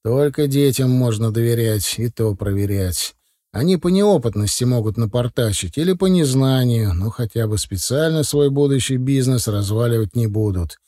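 A man reading a first-person audiobook in a steady, conversational way. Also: mid-range voice, no room sound, clean studio sound. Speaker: narrator.

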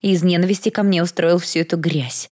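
A woman voicing a sharp-tongued, defiant young bride who snaps back with scorn. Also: fairly low pitch, fairly even intonation, a little fast, natural voice. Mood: snappish. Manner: snappish, scornful.

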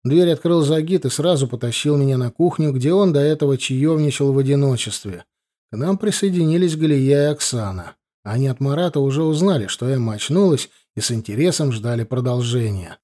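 Mellow-voiced man narrating calmly. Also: medium pitch, brisk. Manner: calm, conversational storytelling. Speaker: audiobook narrator. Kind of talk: first-person audiobook narration.

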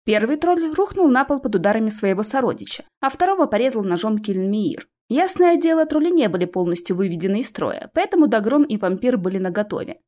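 A woman reading a fantasy audiobook aloud in a lively, expressive first-person narration. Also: a little high, brisk, few pauses. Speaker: audiobook reader. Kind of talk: scripted narration.

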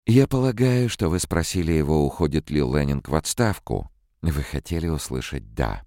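A man voicing a sharp, mocking woman robot psychologist in an audiobook, his deep voice pushed higher. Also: expressive, moderate pace, no echo, clean studio sound. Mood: scornful. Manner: mocking, cutting.

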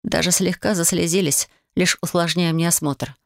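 Мужчина размеренно и ровно читает фэнтезийную аудиокнигу от первого лица. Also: male voice, on the high side, fairly even intonation, moderate pace, vocal fry, no echo, clean studio sound. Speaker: audiobook reader. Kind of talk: fantasy audiobook narration in first person.

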